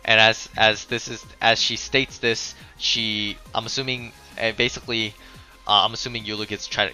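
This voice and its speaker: A man's voice: fairly low pitch, little pitch movement, normal speed, pushed and bright, soft background music. A man narrating as game master of a tabletop game, often stumbling and repeating words.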